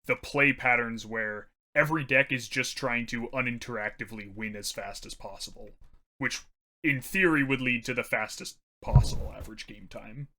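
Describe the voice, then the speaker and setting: A man's voice: mid-range voice, normal speed, bright, forceful tone. A man co-hosting a casual podcast, arguing his point with a wry, contrary edge. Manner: argumentative, wry. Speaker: podcast co-host. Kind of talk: casual chat about card games.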